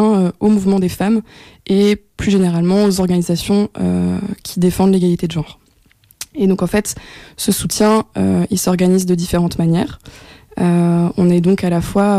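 Hesitant woman from France, low voice. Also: mellow, dry recording. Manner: hesitant, many fillers. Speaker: guest, project coordinator. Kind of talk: radio interview. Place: radio studio.

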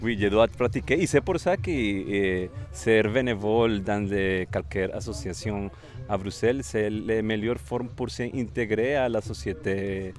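A man from Colombia with a Colombian Spanish accent, giving interview answers in halting non-native French and searching for words. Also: on the low side. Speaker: volunteer bike mechanic.

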